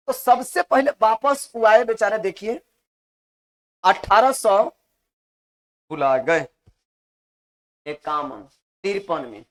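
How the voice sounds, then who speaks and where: Woman teacher, higher-pitched, emphatic, answers her own questions. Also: fairly bright tone. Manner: rhetorical questions answered herself; repetitive, emphatic explaining. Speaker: biology teacher. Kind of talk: classroom lecture.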